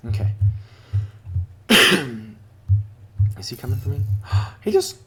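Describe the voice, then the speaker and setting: A man's voice: medium pitch, wildly swooping pitch, measured pace, a bit bright, soft background music. A man giving casual, chatty commentary while playing a video game at home, joking about his own skill and talking to his cat. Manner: chatty, self-deprecating, talks to his cat. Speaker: gaming YouTuber. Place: home room.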